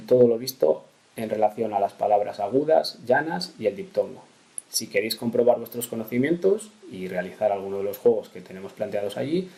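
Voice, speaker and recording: A man talks schoolchildren through a grammar lesson. His voice is low, warm and gravelly with creak. He explains patiently and goes back over each rule. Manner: patient, repeats key rules. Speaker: primary school teacher.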